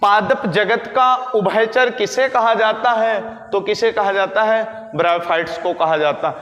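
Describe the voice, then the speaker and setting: This biology teacher lectures in classroom style, taking his time and answering the questions he raises. His voice is high and a bit bright, though the audio is dull. The recording comes from an echoey room with long reverb.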